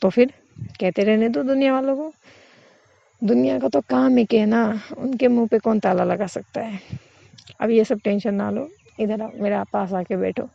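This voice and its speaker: Woman voicing a calm, teasing young woman. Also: a little high, normal speed, vocal fry, no room sound. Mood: reassuring. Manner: reassuring, playful. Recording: dull, dry lo-fi recording.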